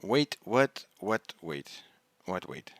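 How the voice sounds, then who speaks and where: A man's voice: deep voice, very animated, slow pace, no echo, studio quality. A non-native English-speaking man hosting an anime reaction, talking casually and rambling as he searches for words. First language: not English. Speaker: anime reaction channel host.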